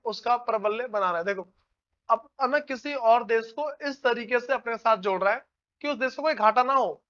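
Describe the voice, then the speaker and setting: A male teacher gives an informal lecture with a very high-pitched voice. He talks to his students like friends and keeps checking that they follow. The recording sounds dull and lo-fi. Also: fairly bright tone. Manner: calls listeners "brother".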